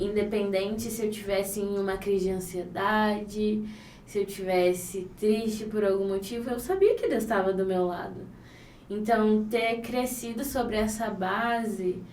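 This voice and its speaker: A woman's voice: mid-range voice, a little mellow, far from the mic, a little hiss or hum. Young woman guest talking earnest and thoughtful, roomy echo, off mic. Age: 20s. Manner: earnest, reflective. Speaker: podcast guest. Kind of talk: casual podcast chat.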